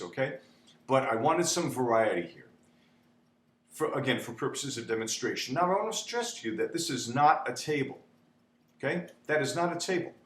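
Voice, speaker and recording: A man's voice: mid-range voice, a bit bright. A man teaching a spreadsheet tutorial in a chatty, repetitive way, often asking "okay?". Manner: chatty, repeats "okay?", dramatizes panic. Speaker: instructor. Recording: echoey room with faint hum.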